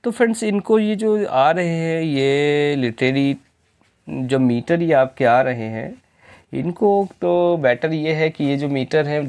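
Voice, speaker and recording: A male teacher giving an exam-prep lecture, reading English definitions slowly and often asking the students if it is clear. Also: mid-range voice. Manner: slow, drawn-out reading of English definitions, quizzing questions to students; repeatedly asks "clear friends?".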